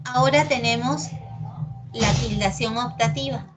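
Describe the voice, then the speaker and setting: A woman's voice: a little high, a little slow, over music. A woman from Peru with a Peruvian accent teaching a lesson, patiently repeating key words and often checking that her listeners follow. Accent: Peruvian Spanish. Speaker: pre-university Spanish teacher. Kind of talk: classroom lesson on accent marks.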